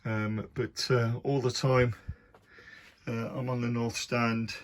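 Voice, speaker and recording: A man's voice: mid-range voice, level tone, slow. A man with a Birmingham accent talking casually about his model build in a home workshop, with many ums and uhs. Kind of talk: casual video diary.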